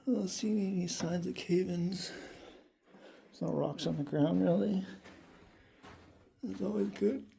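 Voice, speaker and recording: Creaky-voiced American vlogger exploring a cave. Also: mid-range voice, steady tone, measured pace, pauses often, warm tone, slight background noise. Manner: casual, slangy, swearing. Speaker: hiking vlogger. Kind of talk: casual vlog chat, talking to the camera while exploring. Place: inside a small cave.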